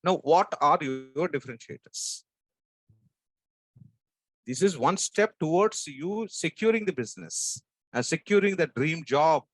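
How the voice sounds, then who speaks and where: A man of about sixty with a strong South Indian Telugu accent from Andhra, giving an emphatic training talk in short, deliberate phrases with rhetorical questions. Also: fairly high pitch, expressive, no echo. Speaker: sales trainer and business coach. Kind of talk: motivational training talk to an audience.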